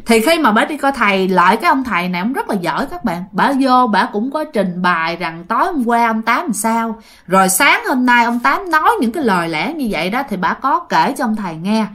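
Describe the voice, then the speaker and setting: Woman storyteller, Southern Vietnamese accent, ghost story, chatty, animated pitch, fairly high voice. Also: brisk. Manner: chatty, addresses listeners directly. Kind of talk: spoken ghost story telling.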